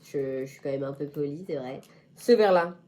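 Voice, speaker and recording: A woman's voice: low voice, moderate pace, dark tone. A young woman in casual chat to camera as a vlogger, playful and self-mocking, with slang. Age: young adult.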